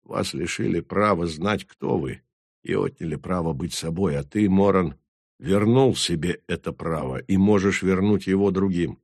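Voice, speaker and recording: A man reading an audiobook, voicing a frail male sorcerer who speaks quietly in a weak voice. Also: low voice, moderate pace, no room sound, clean studio sound, voice pushed down. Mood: gentle.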